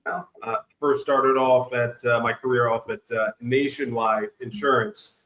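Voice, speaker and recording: A Liberian-born man in his thirties who grew up in Ohio appears as an interview guest, a financial services wholesaler. He answers conversationally, a little slowly, in a sharp, medium-pitched voice with fairly even intonation, often repeating words, and the sound is roomy, muffled and noisy.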